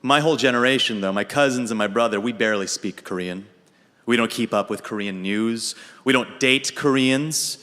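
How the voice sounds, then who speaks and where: A young American man telling a dry, deadpan comic story about himself on a radio show. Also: mid-range voice, moderate pace. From United States. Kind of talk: humorous personal monologue. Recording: reverberant hall.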